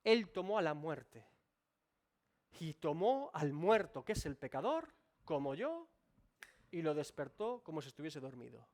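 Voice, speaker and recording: A male pastor delivers a sermon in a fairly high voice. His pitch swings widely, rising and falling as he presses his points. He speaks directly to the congregation. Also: very animated, a little slow, long pauses, a little mellow. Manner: emphatic preaching with sweeping rises and drops. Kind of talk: expository sermon. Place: church.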